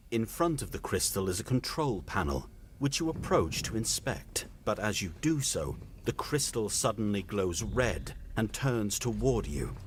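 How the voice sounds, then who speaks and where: A man reading a game's story text aloud with an expressive storytelling delivery. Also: lowish voice, slight background noise. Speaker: game narrator.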